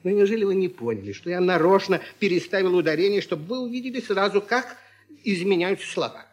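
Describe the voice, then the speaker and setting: A man's voice: sits high, expressive, fast talker, faint music behind. A middle-aged man hosting a scripted children's radio comedy as a teacher, lecturing his pupils in a mock-stern, ironic way.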